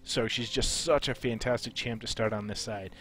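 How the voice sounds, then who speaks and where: A man hosting a casual game strategy tutorial, his voice a little off after being sick. He explains in a relaxed way with frequent "uh"s. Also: mid-range voice, moderate pace, a little hiss or hum. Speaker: gaming channel host.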